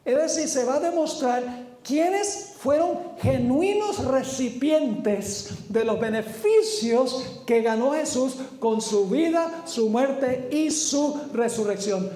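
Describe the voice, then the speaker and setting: A man's voice: very high-pitched, expressive, takes it slowly, mellow. A man preaching a sermon, often putting rhetorical questions to his listeners. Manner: asks the audience rhetorical questions. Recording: roomy echo.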